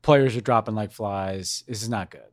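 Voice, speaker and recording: A man's voice: lowish voice, normal speed, no room sound. American man chatting, close dry sound. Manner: informal, repeats words and backtracks. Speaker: podcast co-host. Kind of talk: casual conversational chat.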